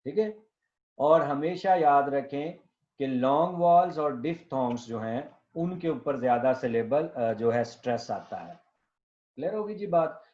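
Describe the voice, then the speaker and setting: A middle-aged male professor giving a classroom lecture, slow and patient, checking often that students follow and dictating definitions word by word. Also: mid-range voice, animated. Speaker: professor teaching linguistics. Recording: dull lo-fi classroom recording.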